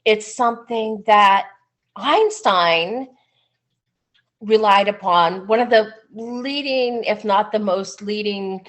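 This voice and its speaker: A woman speaks at an easy, slow pace as she presents a webinar on a video call. She talks in a chatty way, with many "um"s along the way, like a psychic medium talking to her online audience. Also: mid-range voice. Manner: unhurried, chatty, frequent "um"s, warm enthusiasm. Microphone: computer mic on a video call.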